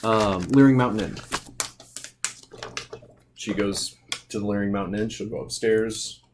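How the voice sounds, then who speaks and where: A man's voice: lowish voice, fairly even intonation, measured pace, noisy background. A man acting as game master, narrating a tabletop game casually.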